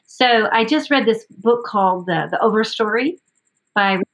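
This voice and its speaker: A woman who's an opera singer and voice professor chats casually in an interview, upbeat and often laughing. Her voice is on the high side and expressive, at a moderate pace, and the audio is dull and lo-fi.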